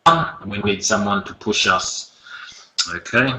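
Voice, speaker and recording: A man teaching an online English lesson over a video call, relaxed and encouraging, often checking in with "okay?". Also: on the low side, slow, rough recording. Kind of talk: online lesson, recapping and giving homework.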